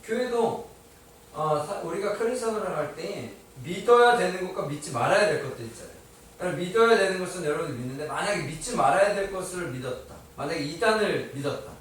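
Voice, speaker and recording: In a church sanctuary, a male pastor preaches with a high, animated, fairly bright voice at a quick pace, keeping a touch of light humor. He repeatedly asks his congregation questions and answers them himself. The echoey hall is picked up by a distant mic, with slight background noise.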